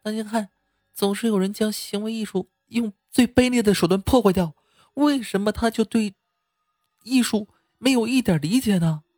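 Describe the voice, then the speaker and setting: A man doing a shrill outraged young woman. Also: moderate pace, darkish tone, no room sound, clean studio sound, soft background music. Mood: indignant. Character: indignant young woman performance artist.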